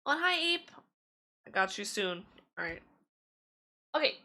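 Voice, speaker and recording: A woman's voice: fairly high pitch, very animated, a little slow, pushed and bright. A woman streaming tarot readings in casual chat, chatty and giggly with lots of fillers, her voice slightly strained.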